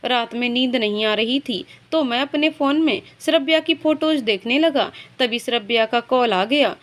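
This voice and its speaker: A woman reading an emotional story aloud as its storyteller, narrating in the first person with steady, emotive delivery. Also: a little high, normal speed.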